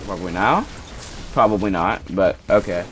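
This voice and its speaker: A man's voice: low voice, animated, moderate pace, noisy background. A young man casually telling a personal story, rambling, swearing and restarting his sentences on a cheap home microphone. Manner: rambling, profane, self-interrupting. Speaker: storyteller vlogger.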